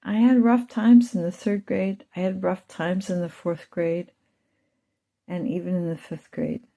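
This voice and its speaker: A woman's voice: fairly low pitch, fairly even intonation, unhurried, gravelly, mellow. A woman and mother telling a rambling, emotional personal story to her channel's viewers. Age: adult with children. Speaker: channel host.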